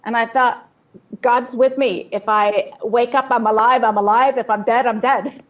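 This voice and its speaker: A woman with a fairly high voice recounts a personal story in short, vivid bursts. She stops after each phrase so an interpreter can follow. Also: steady tone. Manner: vivid storytelling, pausing for translation. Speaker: guest speaker. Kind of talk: personal testimony with live interpreter.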